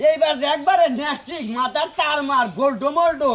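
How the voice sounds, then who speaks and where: A man's voice: very high voice, fairly quick, fairly bright tone. A man in comic village banter, mocking and rowdy.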